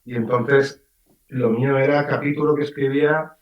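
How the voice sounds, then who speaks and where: The Valencian writer's medium-pitched voice comes at a moderate pace, distant from the mic with the highs cut off and a roomy, off-mic radio quality. Chatting in a casual radio interview, he spins stories with gusto and voices the quoted characters.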